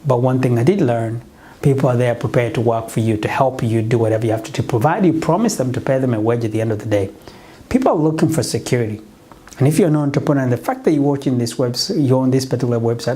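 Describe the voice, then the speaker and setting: This business coach, a middle-aged man from Uganda whose first language isn't English, delivers an earnest motivational pitch in a warm tone. He frequently restarts and corrects himself as he goes.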